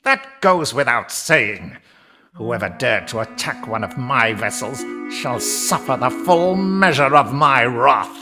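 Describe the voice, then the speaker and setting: An actor playing Titan, a tyrannical undersea ruler, pompous and scornful in an audio drama. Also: male voice, mid-range voice, very animated, slow, music in the background. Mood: menacing.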